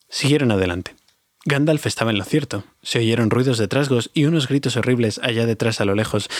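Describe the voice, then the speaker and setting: A man's voice: mid-range voice, dry recording, studio quality. A man reading a fantasy audiobook aloud, confiding and speaking straight to his listeners. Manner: warm, confiding, addresses listeners directly. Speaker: audiobook reader. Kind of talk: storytelling narration.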